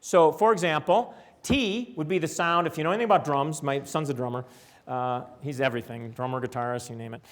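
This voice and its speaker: An older man leads a conference lecture in a hall, his voice sitting noticeably high for a man. He is animated and keeps breaking off to demonstrate speech sounds aloud. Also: brisk. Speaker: presenter.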